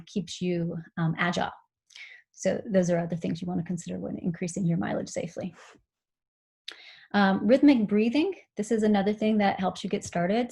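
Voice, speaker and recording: Woman, husky voice, calm instructor, explanatory, frequent ums. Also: fairly low pitch. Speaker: running instructor. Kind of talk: recorded seminar talk.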